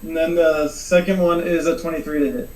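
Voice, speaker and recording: A player chatting casually in a tabletop game, playful and quick to laugh. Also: female voice, low-pitched, flat delivery, roomy sound, far from the mic, a little hiss or hum, low-quality recording. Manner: playful, laughs a lot, shouts out.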